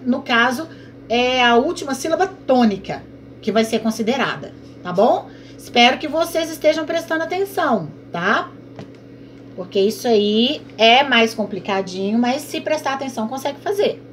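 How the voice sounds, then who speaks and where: A woman teacher leads an online class, her voice a touch higher than most. She explains patiently and often asks and answers her own questions. A faint noise hangs under the recording.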